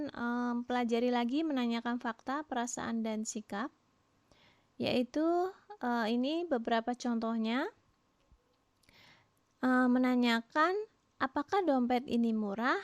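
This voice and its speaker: A woman teaching a language lesson, explaining patiently and modelling each phrase slowly, with questions rising at the end. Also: fairly high pitch, no echo. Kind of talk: recorded online lesson.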